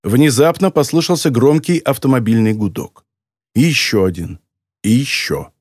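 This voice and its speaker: A man narrates a scripted audiobook expressively, like a storyteller, in a mid-range voice at a moderate pace. The recording is dry and the studio sound is clean.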